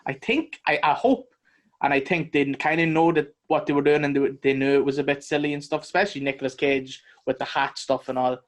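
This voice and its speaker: A man co-hosting a podcast, chatting casually about a movie in a blunt, animated way and swearing freely. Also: a little high, fairly quick. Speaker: podcast co-host. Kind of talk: casual movie review chat.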